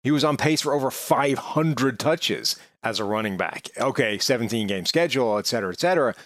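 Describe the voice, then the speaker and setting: A man's voice: mid-range voice, expressive, a little fast, fairly bright tone, no room sound, clean studio sound. A man giving conversational sports commentary, reasoning his way through an argument step by step in a discursive way. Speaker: sports podcast analyst.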